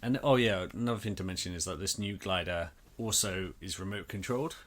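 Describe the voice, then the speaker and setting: A man's voice: deep voice, brisk. A man co-hosting a podcast, recapping an episode in informal, sweary, casual chat and acting out paraphrased lines. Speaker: podcast co-host.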